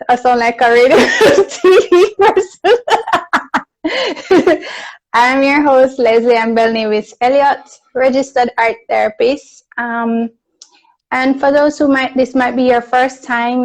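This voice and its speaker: A woman with a Jamaican accent hosting a casual live video chat, friendly and quick to laugh. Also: on the high side, rough recording. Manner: friendly, laughs easily, slow and deliberate. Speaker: host. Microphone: video call.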